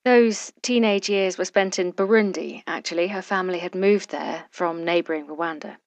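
A woman reporter giving measured, scripted documentary narration. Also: fairly low pitch, no room sound. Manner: measured, deliberate storytelling.

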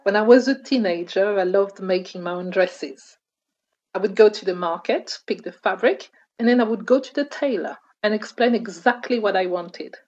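A woman reading an interview translation as a calm voice-over. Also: medium pitch, moderate pace, dull audio.

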